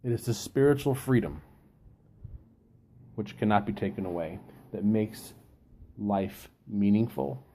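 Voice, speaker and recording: A man with a fairly low, very mellow voice talks reflectively, as if walking a listener through a book. His delivery is deliberate and halting, pausing mid-phrase. Light background noise sits under the voice. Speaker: book reviewer giving an informal chat. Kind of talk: reflective solo talk, quoting and explaining.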